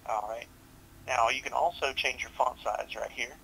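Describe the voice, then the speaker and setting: This is a customer service walkthrough from a young male tech support advisor, who politely and casually guides a customer step by step while wearing a headset on a video support call. His medium-pitched voice is gravelly, pushed and bright, with fairly even intonation and a normal speed, heard through poor audio with slight background noise.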